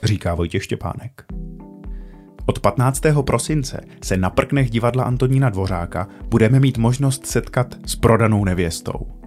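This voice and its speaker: A man presenting a culture news report as measured, formal scripted narration. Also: mid-range voice, animated, a little mellow, soft background music.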